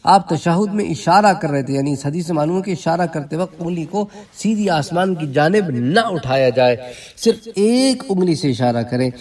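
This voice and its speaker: A man's voice: on the high side, expressive, normal speed, darkish tone, far from the mic. A man who teaches religion, giving a lecture on prayer and explaining traditions step by step with asides to his listeners.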